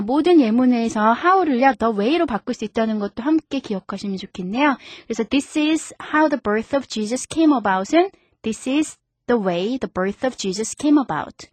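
A woman hosting a radio English lesson, explaining step by step and slowly repeating each example sentence. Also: fairly high pitch, no echo. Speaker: radio English teacher host.

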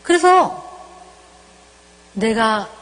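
Woman lecturer, middle-aged, high voice, animated acted-out dialogue, long hall echo. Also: extremely slow. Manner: lively, acts out dialogue in shifting voices. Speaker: professor giving a parenting lecture. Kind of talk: lecture with acted-out parent and child quotes.

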